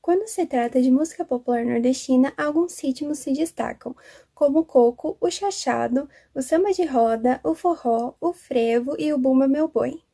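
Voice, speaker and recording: A young woman with a high, soft-toned voice reads a prepared school text aloud. Her delivery is steady and even, with a mellow, unforced tone. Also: normal speed. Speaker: student presenter.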